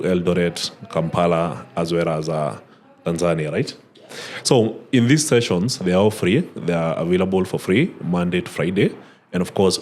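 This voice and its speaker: Low-voiced man hosting a podcast. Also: a little hiss or hum. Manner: relaxed, frequent "uh" fillers and "awesome". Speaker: podcast host. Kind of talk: casual podcast interview.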